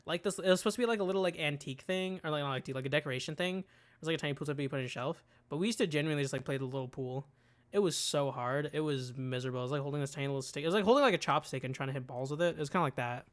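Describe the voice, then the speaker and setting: Fast-talking high-voiced young man. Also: fairly bright tone. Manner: chatty, filler-heavy, easily riled. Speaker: podcast co-host. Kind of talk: casual comedy podcast chat. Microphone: podcast microphone.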